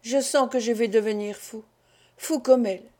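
A woman's voice: a little high, steady tone, moderate pace, dark tone, lightly acted. A woman reading a frantic young count. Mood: distraught. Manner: anguished, fevered outbursts.

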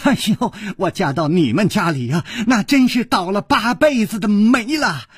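A man's voice: high voice, sing-song, a little fast, mellow, husky, no room sound, studio quality, pitched above the performer's own voice, heavily acted. A male storyteller voicing a spoiled, hysterical young swordswoman who shrieks, scolds and wails at the men around her. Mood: wailing. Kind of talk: traditional storytelling.

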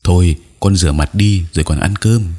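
Man putting on an anxious, scolding mum, husky voice. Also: low voice, normal speed. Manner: sharp, scolding. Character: worried, scolding mother.

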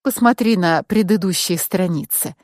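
A woman's voice: fairly low pitch, normal speed, darkish tone, dry recording, studio quality, close to an everyday voice. A woman voicing a practical, skeptical female friend who makes plain, doubtful remarks in an audiobook.

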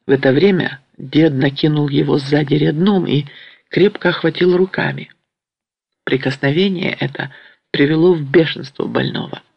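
A man reading a historical novel aloud as an audiobook narrator, in a dramatic, measured way. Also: a little high, gravelly, slightly rough, no room sound, highs cut off.

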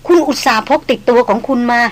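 A woman's voice: quick pace, natural voice. Woman doing a flustered proud young noblewoman. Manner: stammering, hesitant fillers.

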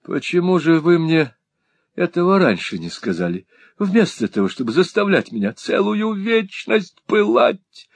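A man voicing an excitable, besotted young lord who speaks in high, gushing exclamations. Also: measured pace, creaky, no room sound, full character voice.

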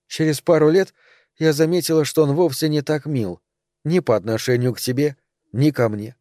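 A man reading an audiobook, voicing a young mother who gently tells her daughter about her father. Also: on the high side, normal speed, no room sound, clean studio sound, close to an everyday voice. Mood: tender.

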